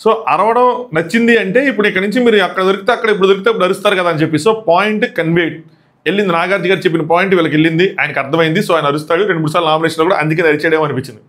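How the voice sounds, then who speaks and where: A man's voice: sits high, rapid-fire, fairly bright tone. A young man hosting a casual episode review, chatty and mixing English words into his talk. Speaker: YouTube show reviewer and host.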